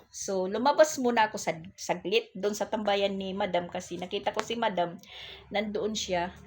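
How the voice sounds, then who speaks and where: Chatty middle-aged woman. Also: medium pitch. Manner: polite chatty storytelling, addresses viewers with po and guys. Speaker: vlog host. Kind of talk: casual storytelling vlog.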